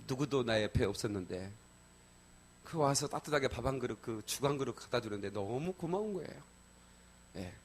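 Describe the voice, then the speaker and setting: A middle-aged male pastor preaching a sermon in a church, telling personal stories in a lively colloquial way, swinging from loud exclamations to soft asides and often checking in with the congregation. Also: mid-range voice, slight background noise. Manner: colloquial, addresses congregation with repeated "예?". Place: church sanctuary.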